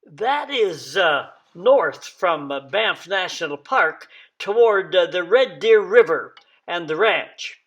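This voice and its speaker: A man presenting songs in spoken introductions, halting often with drawn-out hesitations. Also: high-pitched, animated, a bit bright. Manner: halting, with frequent long hesitations and "uh".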